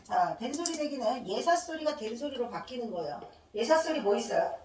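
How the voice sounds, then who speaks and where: Her high voice is very animated and fairly quick as this woman teacher lectures her class, questioning the room only to answer herself. She works through letters individually, and the audio sounds roomy and echoey, captured some way off the mic.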